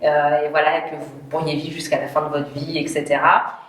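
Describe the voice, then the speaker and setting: A woman's voice: sits low, little pitch movement, fairly quick, fairly bright tone, distant mic. Chatty Parisian woman in an echoey room. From Paris, France. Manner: chatty, laughs often, many fillers. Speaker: entrepreneur guest. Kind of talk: casual interview chat.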